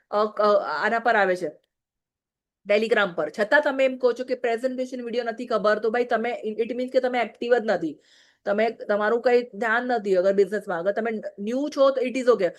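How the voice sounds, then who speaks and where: A married adult woman with a fairly high voice speaks at a normal speed, giving her business team a direct, scolding training talk. She often checks in with "okay?".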